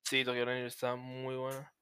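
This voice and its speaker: Bright, clear-voiced man chatting. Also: mid-range voice, completely flat delivery, fairly quick, no echo, clean studio sound. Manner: talkative, searches for words. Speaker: co-host. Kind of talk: casual livestream chat.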